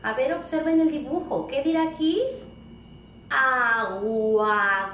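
A woman's voice: sits high, fairly quick, dull audio. A woman teaching preschoolers, stretching out each word and asking sing-song questions. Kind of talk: slow, exaggerated teaching to small children. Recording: echoey room, voice from a distance, faint background noise.

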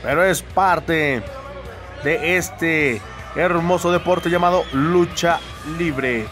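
A man with a Mexican accent giving excitable, exclamatory live play-by-play commentary on wrestling. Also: on the high side, takes it slowly, soft background music.

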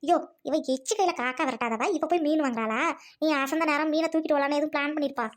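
A woman's voice: sits high, quick pace, lightly acted. A woman doing a stern scolding older woman. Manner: scolding, firm.

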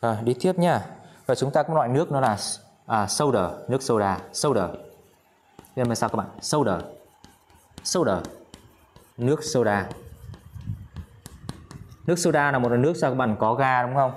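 A man's voice: mid-range voice, animated, normal speed, long pauses, slight background noise. A man teaching English vocabulary in a casual lesson, repeating each word several times and chatting with viewers between words.

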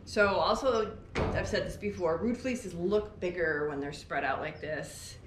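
Unhurried and low-voiced, a middle-aged sheep farmer and fleece seller chats enthusiastically, casually demonstrating her work at a barn's fleece-skirting table. A tripod camera a few feet away picks up the echo, faint ambience, and background noise.

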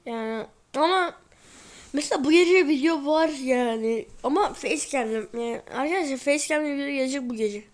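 A sleepy woman who runs a football video game channel chats casually while playing, her voice sitting high and moving fairly quickly. She rambles and keeps saying "neyse."

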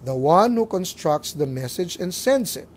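Animated Filipino lay preacher. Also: male voice, high-pitched, a little slow. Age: middle-aged. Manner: animated storytelling, acting out voices, mixing English phrases.

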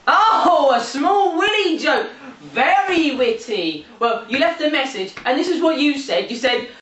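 A man firing back dry sarcasm at his comedy partner, his voice high and bright. He sounds distant in a roomy space. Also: expressive, a little slow. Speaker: sketch creator. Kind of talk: comic bickering.

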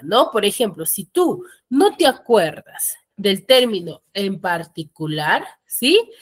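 A woman teaching an online class, explaining step by step and often stopping to check that students follow. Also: mid-range voice. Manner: asks students to mute their mics. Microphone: computer microphone on a video call.

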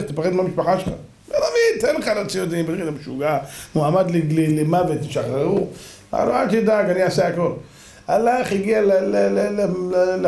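A rabbi giving a storytelling sermon, acting out the characters with big swings in pitch and sudden shouts. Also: male voice, reverberant. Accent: Israeli Hebrew.

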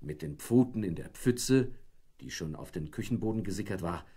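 Husky, lively storybook narrator man. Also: sits low, normal speed.

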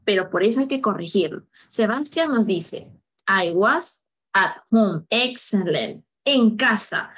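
A woman's voice: fairly high pitch, fairly bright tone, lo-fi sound. Upbeat woman teaching an English class. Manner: upbeat, praising, mixes Spanish and English, laughs often. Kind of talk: live online English lesson.

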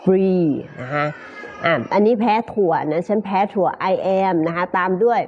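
Thai woman, English pronunciation teacher, low-pitched, deliberate drawn-out examples, muffled live-stream sound. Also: a little hiss or hum. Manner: slow, drawn-out model phrases between rapid explanations.

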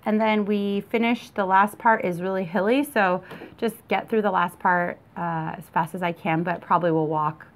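A woman's voice: mid-range voice, normal speed. A woman in her thirties, a radio personality, chatting easily as an interview guest. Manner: relaxed, easygoing storytelling. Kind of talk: casual interview. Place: apartment by a window, indoors. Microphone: lapel mic.

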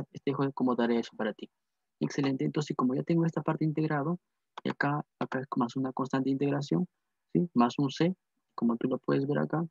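A man's voice: mid-range voice, vocal fry, darkish tone, slightly rough, no room sound. Repetitive man tutoring math. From Peru. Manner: repetitive, asks and answers his own questions. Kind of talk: whiteboard math lesson. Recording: dull lo-fi dry sound.

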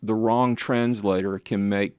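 Older guy, deep-ish voice, pastor reminiscing, dry close mic. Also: fairly even intonation, unhurried, a little mellow, clear, resonant tone, dry recording. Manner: rambling, self-deprecating, chuckling asides. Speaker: pastor and author, guest. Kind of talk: conversational interview storytelling.

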